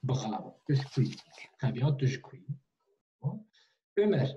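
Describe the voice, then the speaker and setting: A man's voice: medium pitch, sing-song, slow, warm tone, lo-fi sound. A man teaching a language online in a patient way, repeating himself with many fillers and restarts, over a video call.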